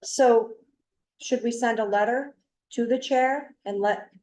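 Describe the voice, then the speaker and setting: A woman chairing a town meeting, brisk and businesslike with short prompts. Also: on the high side, a little mellow, echoey room, a little hiss or hum, low-quality recording.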